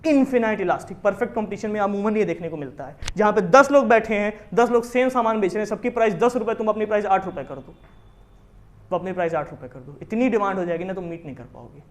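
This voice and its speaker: Lively commerce teacher lecturing. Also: male voice, high voice, quick pace. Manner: lively, asks the class questions often. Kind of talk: classroom lecture in Hindi with English terms.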